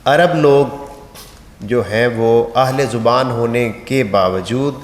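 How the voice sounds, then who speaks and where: A man from Pakistan with a Pakistani accent, giving a religious training lecture on pilgrimage rites, instructive and mixed with light humorous stories. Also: mid-range voice. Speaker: Hajj trainer. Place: large mosque hall. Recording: echoey reverberant mosque hall.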